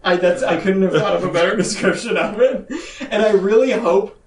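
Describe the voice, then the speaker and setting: A man's voice: high voice, brisk, echoey room, far from the mic, over a noisy crowd, rough recording. A man co-hosting a gaming news podcast, reading news items casually with lots of fillers. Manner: chatty, reads news items with frequent fillers. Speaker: podcast co-host. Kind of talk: casual chat.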